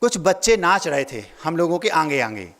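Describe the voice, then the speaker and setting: High-voiced monk preaching in an echoey hall. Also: male voice, very animated, normal speed, a bit bright. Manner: playful wordplay, asks the audience questions. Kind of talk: sermon.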